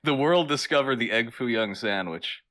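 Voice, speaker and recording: A man's voice: mid-range voice, animated, moderate pace, a bit bright. A man co-hosting a podcast, teasing his partner and laughing easily in casual chat. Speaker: podcast co-host.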